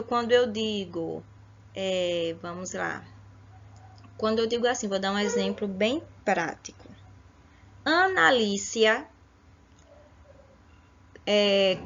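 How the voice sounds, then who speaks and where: A woman teaching an online school lesson, slowly explaining words and calling her pupils her dears. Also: fairly high pitch, a bit bright, highs cut off, a little hiss or hum. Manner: slow, explanatory, affectionate asides to pupils.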